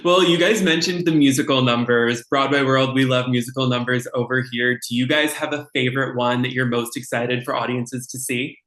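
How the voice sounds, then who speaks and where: A man's voice: medium pitch, fairly even intonation, fairly quick, hardly any pauses, a bit bright. Upbeat man interviewer, echoey room. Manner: upbeat, friendly questions. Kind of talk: entertainment interview.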